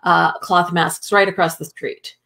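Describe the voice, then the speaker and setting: A woman nutritionist co-hosting a casual live health show, rambling with many pauses and ums. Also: fairly low pitch, little pitch movement, gravelly. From Southern California. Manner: rambling, warm filler-heavy talk with many ums. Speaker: co-host, nutritionist. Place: home, remote video call.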